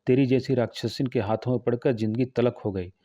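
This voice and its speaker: Rich: A hot-headed young villager, bitter and threatening, as a male reader voices him. Dark, mellow tone with a dry, close, slightly dull sound. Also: medium pitch, fairly even intonation, a little fast, dry recording, close to an everyday voice.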